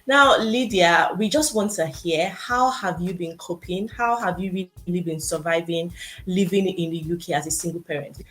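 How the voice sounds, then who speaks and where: A woman's voice: lowish voice, moderate pace, fairly bright tone. A woman hosting her own channel, talking directly to viewers in a casual, chatty way and interviewing a guest. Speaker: host.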